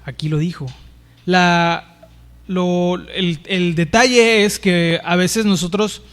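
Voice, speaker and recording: A man's voice: high voice, fairly even intonation, slow, a bit bright, smooth. A man with a Mexican accent teaching a Bible lesson as pastor, conversational, with frequent restarts and tag questions.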